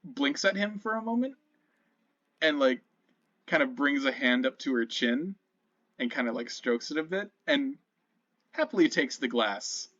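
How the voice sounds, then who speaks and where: A man's voice: medium pitch, animated, measured pace, long pauses, a bit bright, dull audio. A man narrating a tabletop role-playing game casually as game master.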